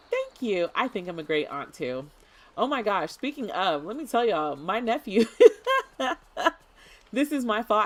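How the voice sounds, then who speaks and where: A young woman chatting casually while streaming a game, animated and playful, slipping into put-on as she talks. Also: medium pitch.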